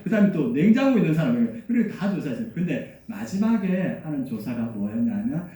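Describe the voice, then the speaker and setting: A man's voice: a little high, sing-song, fairly quick, warm tone. A male pastor preaching a sermon, telling a story with fillers and questions to the congregation. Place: church sanctuary. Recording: echoey church hall, voice from far off.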